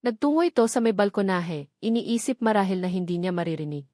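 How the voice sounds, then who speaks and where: Narrating a dramatic romance from a script, a Filipino-accented woman speaks briskly and with animation. Her voice is mid-range with a dark tone. The audio is dry and studio quality.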